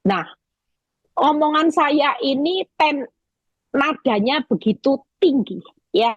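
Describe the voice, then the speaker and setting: A woman evangelist preaching over a video call, telling stories in a lively way and speaking straight to her listeners. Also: sits high, takes it slowly, no room sound, muffled recording. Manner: lively storytelling, addresses listeners directly.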